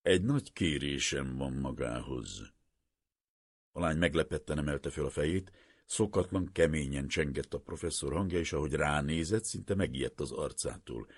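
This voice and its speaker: A man narrating a story aloud in a measured, expressive way. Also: extremely low pitch, no room sound, studio quality. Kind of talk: storybook reading.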